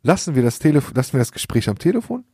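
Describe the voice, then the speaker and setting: Lachender junger Mann, lässiger Slang. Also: male voice, mid-range voice, big pitch swings, very fast, mellow, breathy edge, dry recording, clean studio sound. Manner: slangy, laughs often, acts out quoted dialogue. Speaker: podcast host. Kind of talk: casual storytelling chat.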